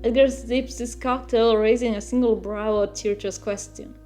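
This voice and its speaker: A woman's voice: fairly high pitch, steady tone, a little slow, warm tone, soft background music. A woman streamer reading a visual novel aloud, laughing often as she goes. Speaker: let's-play streamer.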